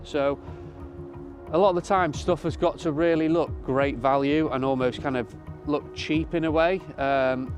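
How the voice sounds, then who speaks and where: A man's voice: a little high, fairly even intonation, a little slow, soft background music. A British man, a car dealer hosting his own video, talks casually and unscripted in a matter-of-fact, explanatory way. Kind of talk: casual unscripted vlog commentary. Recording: clear background noise from cars and outdoors.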